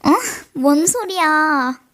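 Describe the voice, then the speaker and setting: A woman's voice: sits high, extremely slow, a bit bright. A teenage girl with a mild sore throat, playing a livestreamer who chats with and scolds imagined viewers in a scripted role-play. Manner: talks straight to imagined chat viewers, scolding and chatty. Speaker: solo role-play creator.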